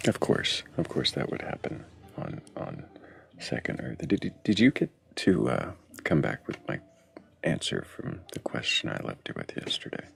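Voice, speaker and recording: A man's voice: a bass voice, wildly swooping pitch, moderate pace, gravelly, fairly bright tone. A man hosting a casual live chat show, joking in a mock-serious way. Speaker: host.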